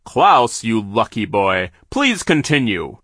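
A man reading an audiobook, voicing a sneering villainous factory foreman who talks slowly and mockingly. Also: lowish voice, very animated, a bit bright, dry recording, clean studio sound, heavily acted. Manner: slow, mocking, drawn-out. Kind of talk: audiobook character voice.

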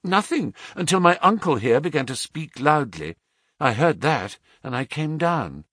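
A man's voice: a little high, very animated, unhurried, a bit bright, husky, no echo, studio quality, pitched above the performer's own voice, full character voice. A man reading aloud, voicing an earnest young woman who pleads and protests loyally in a raised voice. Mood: pleading. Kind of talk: audiobook reading.

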